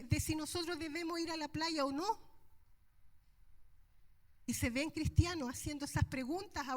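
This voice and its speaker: A middle-aged woman delivers a sermon from the pulpit in a high, bright-toned voice. She preaches with passion and leans hard on her key words. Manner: impassioned, emphatic preaching.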